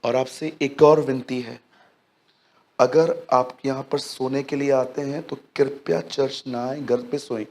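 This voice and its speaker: A man preaching a sermon in a church hall, lively and joking with the congregation. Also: medium pitch, measured pace. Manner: lively, joking with the congregation, acts out little scenes. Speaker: pastor.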